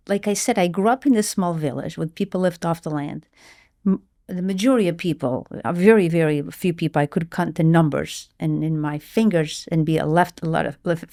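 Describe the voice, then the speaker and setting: In a fairly low, slightly mellow voice, a middle-aged woman from Portugal recounts her life with earnest sincerity during an interview. She is a marketing executive on as a guest and makes hesitant restarts.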